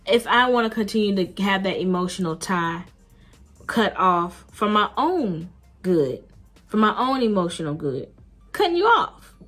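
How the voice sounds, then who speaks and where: A woman's voice: mid-range voice, fairly bright tone. Blunt, emphatic woman vlogger. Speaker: vlogger telling a dating story. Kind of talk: casual storytime monologue.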